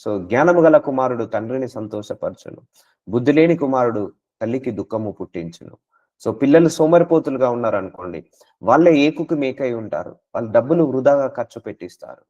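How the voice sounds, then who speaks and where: A man's voice: mid-range voice, expressive, brisk, warm tone, highs cut off. A man preaching a sermon, exhorting listeners with repeated rhetorical questions and English words mixed into his speech.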